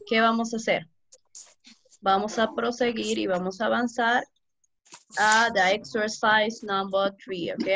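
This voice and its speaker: A woman English teacher with a Peruvian Spanish accent, giving an online class slowly and with a lot of repetition. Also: mid-range voice, pushed and bright. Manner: slow and repetitive, code-switching. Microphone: video call. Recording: muffled video call audio, faint noise.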